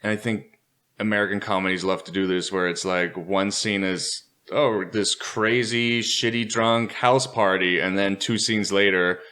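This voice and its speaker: A man's voice: lowish voice, steady tone, a little slow, pushed and bright. A man from Europe co-hosting a podcast, joking around animatedly and slipping into silly voices. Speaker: podcast co-host. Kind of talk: casual chat.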